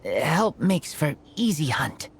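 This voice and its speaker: Brief: game role, earnest feral boy raised by wolves, low register, unhurried, terse, loyal. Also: very animated, slight background noise, full character voice. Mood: focused. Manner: simple clipped broken-English phrasing. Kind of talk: video game voice acting.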